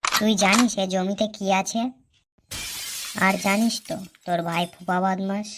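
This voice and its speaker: Voicing several characters in a comedy cartoon, a woman speaks a little slowly in a mid-range voice with fairly even intonation, while loud music sits behind the dialogue.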